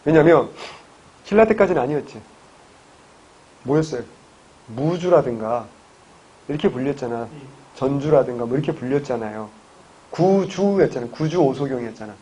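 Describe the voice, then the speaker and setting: A man's voice: medium pitch, animated, normal speed, long pauses, warm tone, husky, low-quality recording. A man from Gyeongsang province teaching history for an exam-prep course, firing questions at the class and answering them himself. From Gyeongsang province, Korea. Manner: quizzing, answers his own questions. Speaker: history lecturer.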